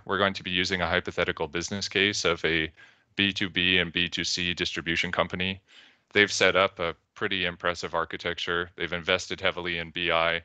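In a dry recording, a young man with a Canadian accent presents a conference talk over a video call. His low voice is pushed, bright, and clean in tone, and he narrates a story while voicing the characters he quotes.

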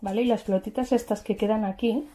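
A cooking show host gives a casual demonstration at home, explaining a recipe step by step while a camera mic across the kitchen picks her up. Her mid-range voice is warm and fairly even, and she speaks quickly. The kitchen is echoey, with clattering noise.

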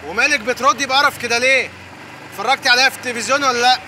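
An actor playing a vain, boastful husband with an Egyptian accent, chatting on the phone. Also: male voice, extremely high pitch, racing, bright, forceful tone, slight background noise, full character voice. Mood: chatty. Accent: Egyptian Arabic. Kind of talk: TV comedy series acting.

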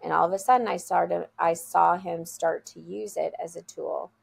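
A woman's voice: on the low side, fairly even intonation, normal speed, creaky, slightly rough. A woman guest telling heartfelt stories about her school in a casual interview over a video call. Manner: earnest, heartfelt storytelling.

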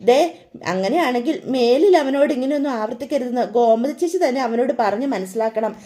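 A woman's voice: a little high, fast talker, dark tone, lightly acted. A woman voicing a blunt young woman who threatens to leave the house. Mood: insistent.

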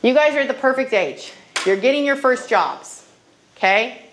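A woman's voice: sits high, lively intonation, normal speed, a bit bright. Chatty woman teaching a money class. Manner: storytelling, checks in with frequent "okay?". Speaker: financial literacy trainer. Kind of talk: classroom workshop talk.

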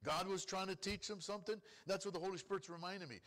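Male rabbi at the pulpit, slightly higher-pitched voice, preaching in a call-and-response manner. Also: fairly even intonation, fast, fairly bright tone. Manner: acts out complaining prayers in a pleading voice. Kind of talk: sermon. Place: congregation hall.

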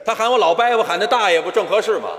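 A man's voice: sits high, a little hiss or hum. A man performs live stage crosstalk as the lead comic, telling a story and acting out the dialogue. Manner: animated storytelling that switches quickly into acted dialogue. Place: large theater stage. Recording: live theater hall reverb.

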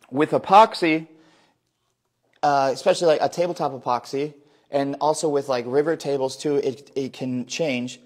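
A man in his thirties giving a live hands-on woodworking demonstration in a large workshop, explaining as he works and often restarting his sentences, recorded by a phone camera a few meters away. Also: fairly high pitch. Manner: explains while working, restarts and self-corrections. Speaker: woodworker doing a live demo. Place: large indoor wood workshop.

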